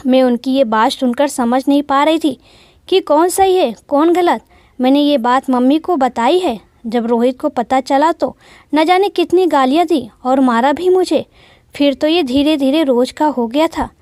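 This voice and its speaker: A woman's voice: high voice, normal speed, darkish tone, no room sound, studio quality, close to an everyday voice. A woman voicing a young wife who tells of an abusive marriage in a sorrowful first-person account.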